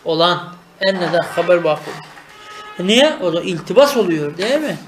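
A man gives a traditional grammar lesson, asking his students questions and then answering them himself. His voice sits high for a man. The recording rings with the echo of a bare room. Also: expressive, a little fast, faint music behind. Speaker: teacher of Arabic grammar. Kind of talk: traditional madrasa-style lesson.

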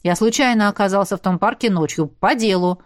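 Woman voicing a curt young investigator, measured, grumbling, dry studio sound. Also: mid-range voice, no echo, natural voice. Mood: reserved. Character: reserved young man, gruff investigator older brother. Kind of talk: audiobook character voice.

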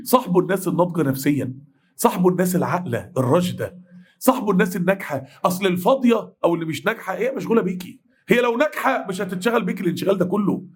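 A man in his thirties with an Egyptian accent, giving a mosque lesson in an animated, blunt manner and acting out dialogue. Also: sits high, racing, slightly rough. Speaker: preacher.

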